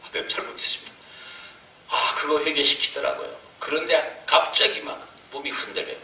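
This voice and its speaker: A man's voice: fairly high pitch, little pitch movement, moderate pace, vocal fry, sharp tone, distant mic, a little hiss or hum. Emotional man preaching in an echoey church. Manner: emotional storytelling, acting out his own prayers and cries. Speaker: missionary preacher. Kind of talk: sermon testimony. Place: church sanctuary.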